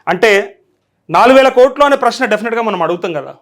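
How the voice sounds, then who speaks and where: A man's voice: high-pitched, animated, quick pace. A man with a Telangana accent reading and commenting on news as a live host, in a challenging, questioning manner. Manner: challenging, rhetorical questioning of viewers. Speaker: journalist hosting a live call show.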